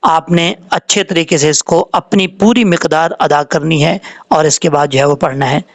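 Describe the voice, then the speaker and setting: A man teaching Quran recitation rules, explaining calmly and drawing out the words he demonstrates. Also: on the high side. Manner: explains slowly, drawing out Arabic words when showing them. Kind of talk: tajweed lesson with slow demonstrations.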